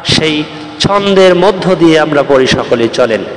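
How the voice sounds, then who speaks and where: A Quran teacher from Bangladesh, speaking with a Bangladeshi Bengali accent, teaches the Arabic letters, patiently explaining each step and chanting the rhymes in a sing-song voice. His slightly high voice has lively intonation at a normal pace, reverberating in a large hall.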